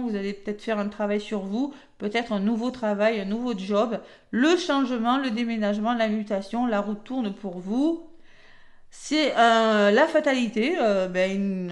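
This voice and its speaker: A woman giving a casual weekly card reading, chatty and talking straight to her viewers. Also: a little high. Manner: chatty, peppers talk with "hein" and "d'accord"; addresses viewers directly. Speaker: tarot card reader. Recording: echoey room.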